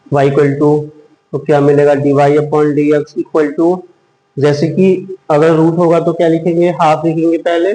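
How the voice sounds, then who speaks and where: A man's voice: a little high, mellow, roomy sound, rough recording. A man teaching a math lesson step by step, asking himself questions as he works through each problem. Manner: slow, step-by-step explaining with rhetorical questions.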